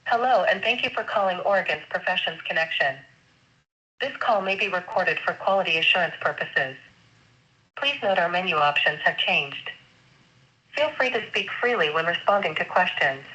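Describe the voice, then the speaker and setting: A woman's voice: on the low side, normal speed. A woman's voice as an automated phone assistant, speaking formally and evenly over a phone line. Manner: even, formal, scripted delivery. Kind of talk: automated call menu and answers. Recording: dull phone line with faint hiss.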